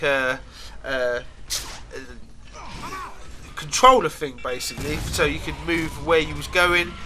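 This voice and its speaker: A man's voice: fairly high pitch, sharp tone, slight background noise. A British man with a congested, nasal voice, as if his nose is pinched by a cold, chatting casually and slangily as he rambles over gameplay. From United Kingdom. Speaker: gaming video host.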